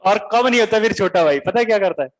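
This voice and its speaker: A man's voice: high voice, animated, quick pace, background noise. A man from Bihar, a teacher giving a comic classroom lecture, quizzing students and telling stories with animation. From Bihar, India.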